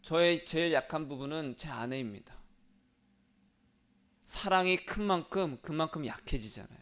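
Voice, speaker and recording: A middle-aged Korean man preaching a sermon as pastor, telling a personal story earnestly and often dropping to a soft, quiet voice. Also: on the high side, expressive, normal speed. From South Korea.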